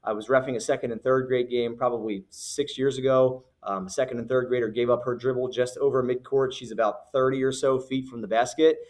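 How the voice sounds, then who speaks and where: A man in a recorded announcement speaks to the parents in his league with a firm, earnest tone. He often starts with "uh" and "um", breaks off and begins again, and says a phrase twice for weight. His voice sits at an ordinary middle pitch for a man. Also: fairly even intonation, a little fast, hardly any pauses, a little mellow. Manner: earnest, firm, with frequent fillers and restarts; repeats phrases for emphasis. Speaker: youth basketball league director.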